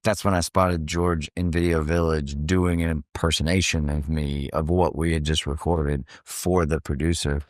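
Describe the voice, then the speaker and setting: Deep-voiced actor guy on a podcast, storytelling, acting out quotes, dry studio sound. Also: normal speed, hardly any pauses, no echo. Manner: lively anecdotal storytelling, acting out quoted lines. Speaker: actor and acting coach, guest. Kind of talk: animated storytelling in a podcast interview.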